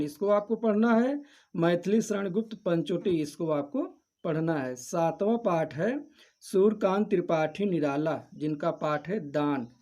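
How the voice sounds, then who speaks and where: A man's voice: high voice, a little mellow. A male teacher going through a syllabus for his students, listing each chapter one by one in a methodical, repetitive and instructive way. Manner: addresses students directly and instructively. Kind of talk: syllabus walkthrough lesson.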